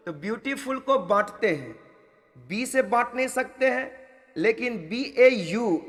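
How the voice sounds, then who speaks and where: Slow, high-voiced man teaching grammar. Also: a bit bright, big-room sound. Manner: slow and repetitive, drilling each rule several times. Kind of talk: exam-prep grammar lesson.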